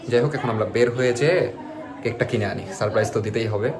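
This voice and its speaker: A young man, chatting as he vlogs a birthday surprise, sometimes dropping to a hush. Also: on the low side, a crowd in the background. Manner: quick chatty, drops to a hush indoors. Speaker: vlogger. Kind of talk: casual vlog narration.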